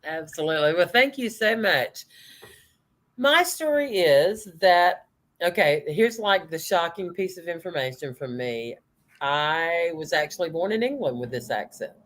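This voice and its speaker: Chatty woman, lowish voice. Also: unhurried. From North Carolina, USA. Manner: chatty, animated storyteller. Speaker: sales coach. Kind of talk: guest storytelling in an interview.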